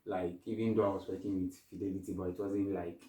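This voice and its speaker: A man's voice: low-pitched, flat delivery, fast talker, mellow, reverberant, far from the mic, rough recording. A young man from Ghana, a guest in a casual interview, answering thoughtfully with many restarts.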